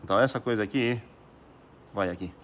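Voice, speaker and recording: A man's voice: fairly low pitch, a little fast, a bit bright, slight background noise. A man giving a recorded math lecture, thinking aloud with many fillers and restarts and putting questions to the class. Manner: asks students rhetorical questions.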